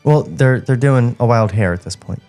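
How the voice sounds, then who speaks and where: A male podcast co-host with a medium-pitched, slightly mellow voice reads a script at a moderate pace in a studio. Over background music, he shifts between narration and casual chat.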